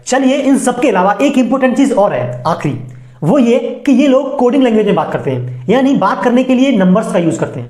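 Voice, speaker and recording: An explainer video narrator with an Indian accent speaks in a fairly high, slightly mellow voice. Her informal educational voice-over is chatty and colloquial, addressing viewers directly with playful asides, and it sounds roomy and echoing.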